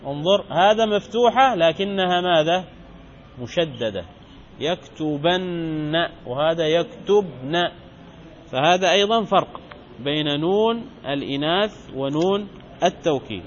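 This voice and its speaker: A man teaching Arabic grammar in a lesson, drilling examples by slowly repeating words and asking questions he then answers himself. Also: a little high, expressive, dull audio, a little hiss or hum. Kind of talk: classroom lesson explaining grammar.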